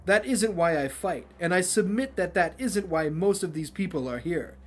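A man's voice: high-pitched, animated, normal speed, faint music behind. A man voicing an honorable male monk warrior with earnest, formal speech.

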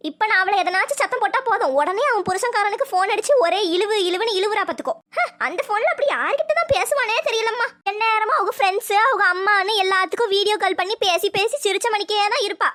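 A woman's voice: extremely high pitch, fast talker, few pauses, fairly bright tone. Nagging old cartoon mother-in-law. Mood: complaining. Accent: southern Tamil Nadu. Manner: scolding, complaining.

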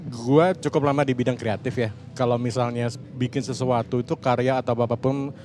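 A podcast co-creator and cinematographer, appearing as a guest on a panel, explains his camera and sound work in a medium-pitched, flat, darkish voice at a fairly quick pace. It's casual talk, and he often restarts and hunts for words, with faint music behind him.

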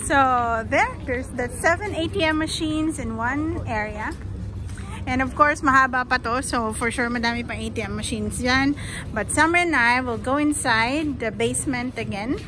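A woman's voice: high voice, normal speed. A Filipino woman in her thirties narrating a casual walking vlog in English mixed with Tagalog, filmed on a phone outdoors. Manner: chatty, switches between English and Tagalog. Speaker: vlogger walking with her daughter. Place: old town streets outdoors at night and day. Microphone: phone camera held by the walker. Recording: music playing behind.

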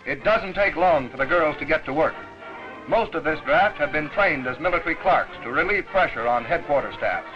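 A man narrates in the brisk, declamatory manner of an old newsreel, his voice sitting a little high. The sound is dull and lo-fi, like a 1940s soundtrack. Music plays clearly behind him. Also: lively intonation.

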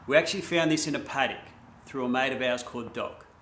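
A man's voice: medium pitch, quick pace, a bit bright, roomy sound, slight background noise. A middle-aged Australian man hosting a casual DIY vlog from his home garage, laid-back and chatty with plenty of ums. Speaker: host.

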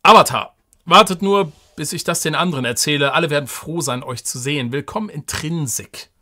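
Ein Mann, der einen überglücklichen Gefährten mittleren Alters mit altertümlich förmlicher Sprache spricht, laut und aufgeregt. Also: male voice, fairly high pitch, brisk. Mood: overjoyed. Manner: excited, loud, old-fashioned formal address. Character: overjoyed middle-aged man, old loyal companion, archaic speech.

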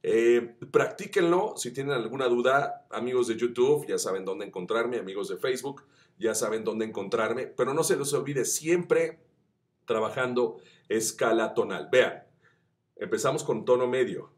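A man teaching voice acting, chatty and encouraging, who demonstrates shouts that climb up the pitch scale. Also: expressive, moderate pace. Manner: addresses viewers as friends, chatty and encouraging. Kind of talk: tutorial.

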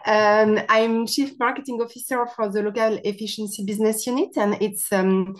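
A woman's voice: medium pitch, steady tone, normal speed, a little hiss or hum. A French woman with a French accent giving a hesitant webinar presentation over a video call, with many fillers. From France. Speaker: presenter, company marketing officer.

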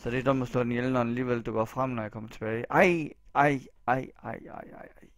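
A Danish-accented man commenting on his own gameplay, muttering anxiously to himself and now and then breaking into loud yelling. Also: mid-range voice, fairly even intonation, no echo. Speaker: gaming channel host.

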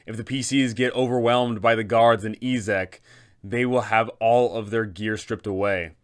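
Hosting an explanatory guide to a tabletop adventure, a game master in his thirties offers advice with emphatic, methodical explanations. His voice sits on the low side, clean in tone, with fairly even intonation at a normal speed.

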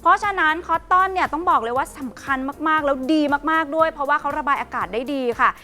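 A woman giving a fast, hype live home-shopping pitch in a polite, emphatic, persuasive way. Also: lively intonation, bright, forceful tone, soft background music.

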